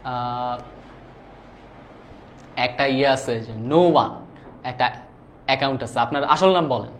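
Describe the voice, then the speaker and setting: Casting: young male teacher, relaxed live online class, average pitch, keeps checking in with viewers. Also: slow pace, slight background noise. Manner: casual and chatty, often asks "do you understand?".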